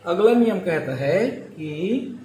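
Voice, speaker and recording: A male teacher explaining English grammar slowly, repeating key words and drawing out his examples. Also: sits high, expressive, a little mellow. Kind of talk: grammar lesson. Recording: echoey room with faint ambient noise.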